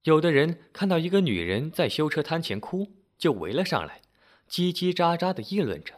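Expressive male storyteller. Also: on the high side, normal speed. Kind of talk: dramatic story narration.

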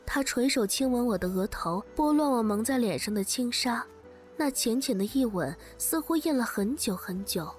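A woman's voice: a little high, expressive, moderate pace, soft background music. Emotional woman reading an audiobook. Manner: emotional, breaking into tearful cries in quoted dialogue. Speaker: audiobook narrator. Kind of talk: scripted first-person narration.

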